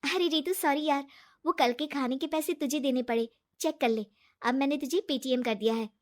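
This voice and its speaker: A woman's voice: sits high, normal speed, pitched above the performer's own voice, close to an everyday voice. A woman voicing a naive, trusting young female office worker who talks eagerly and earnestly.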